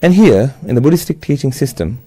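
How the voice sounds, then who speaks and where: A man with a Sri Lankan accent speaks in a mellow, relaxed tone, close and dry. He delivers a religious address in measured, simple phrases, like a teacher explaining step by step. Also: mid-range voice, husky, no echo. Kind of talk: religious talk, New Year address.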